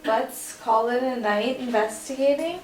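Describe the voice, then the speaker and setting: A woman's voice: a little high, measured pace, a little mellow, faint music behind. A woman chatting informally as she co-hosts a paranormal investigation vlog. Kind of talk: casual ghost-hunt vlog chat. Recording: roomy, distant mic, faint noise.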